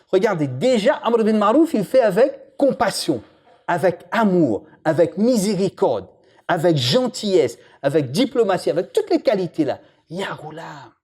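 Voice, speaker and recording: A man giving an informal religious lesson, joking with the audience and putting questions to it. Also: high-pitched. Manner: lively, jokes with and questions the audience. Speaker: imam teaching a religious lesson.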